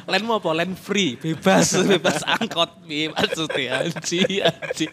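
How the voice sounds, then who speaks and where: A man's voice: a little high, steady tone, unhurried, fairly bright tone. Joking East Javanese man, casual chat. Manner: joking, laughs between bits of explanation. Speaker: battery factory worker.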